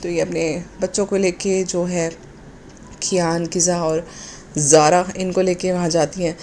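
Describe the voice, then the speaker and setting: A woman delivers a sarcastic, mocking vlog commentary in a mellow, warm voice, dropping English phrases into her talk. Faint noise sits underneath. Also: fairly low pitch, flat delivery, measured pace. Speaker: commentary vlogger.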